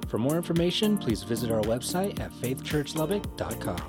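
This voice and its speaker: A man's voice: mid-range voice, sing-song, a little fast. Male podcast announcer over music. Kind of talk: scripted podcast intro.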